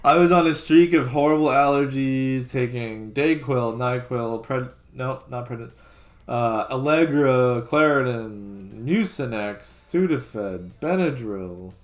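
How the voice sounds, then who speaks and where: A man's voice: mid-range voice, slow. Rambling man chatting at home. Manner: rambling, filler-heavy. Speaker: co-host. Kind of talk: casual chat.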